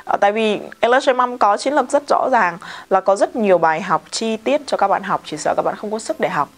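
A woman English teacher with a Vietnamese accent, modelling words and example sentences slowly, then chatting quickly in asides. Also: medium pitch. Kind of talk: vocabulary pronunciation lesson.

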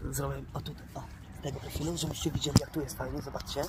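A man vlogging outdoors by the water, excitedly coaxing his pet bird and calling its name. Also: medium pitch, racing, background noise. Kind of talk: casual outdoor vlog.

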